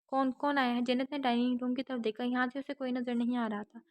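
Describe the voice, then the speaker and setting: Brief: woman narrator, somewhat high voice, dramatic audiobook reading. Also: flat delivery, darkish tone. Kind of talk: scripted novel narration.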